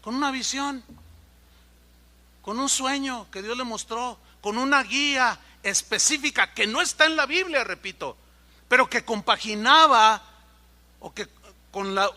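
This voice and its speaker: A man's voice: very high-pitched, unhurried, pushed and bright. A man preaching a sermon as pastor, telling stories with animation and acting out the voices of the people in them.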